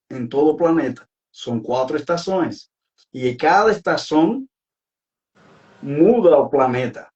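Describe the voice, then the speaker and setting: Cuban-accented man, Spanish native, slightly high, hesitant earnest delivery; distant, dull mic. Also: a little mellow. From Cuba. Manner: earnest, hesitant with frequent fillers. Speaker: guest health expert. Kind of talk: live-stream talk.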